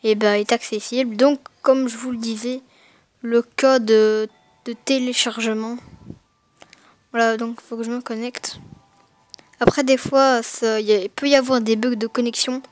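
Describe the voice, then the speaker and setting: A woman with a somewhat high voice narrates an unboxing in a loose, casual way. She speaks into a gaming headset mic. Her delivery is hesitant and full of fillers and mid-sentence self-corrections. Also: flat delivery, moderate pace, no room sound. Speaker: gaming video maker.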